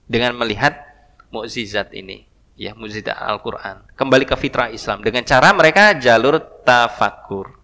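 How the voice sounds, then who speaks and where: A man giving a mosque lecture, telling a story with animated rises and soft asides. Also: mid-range voice, moderate pace. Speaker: preacher. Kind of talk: sermon lecture. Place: mosque hall. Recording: long hall reverb.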